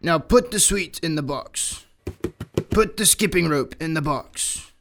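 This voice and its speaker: A man voicing a big, teasing bear in a children's story, speaking slowly and low in a teasing way. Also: creaky, fairly bright tone, soft background music. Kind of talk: children's English-lesson story.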